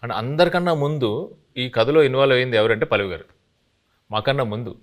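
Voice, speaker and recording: A man, a film director, recounting how a film came about in a promo interview, brisk with joking asides. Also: mid-range voice, expressive.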